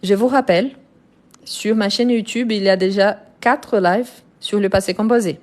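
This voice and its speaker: A woman teacher of mixed French and Brazilian background walks her viewers through verb tenses at a slow, careful pace, pausing often on fillers as she works through each example. Her voice sits at an ordinary middle pitch for a woman. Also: steady tone, darkish tone. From France and Brazil. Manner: slow, deliberate, explanatory with many fillers. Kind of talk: live online grammar lesson.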